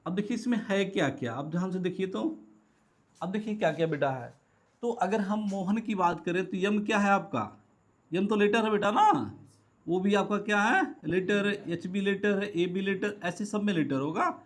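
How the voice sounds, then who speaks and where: A man with a high voice teaches a grammar lesson to his class. He keeps posing questions and answering them himself, and he repeats every key word so the students can follow. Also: animated, normal speed. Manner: calls students "beta". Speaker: English teacher. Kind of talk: classroom lecture.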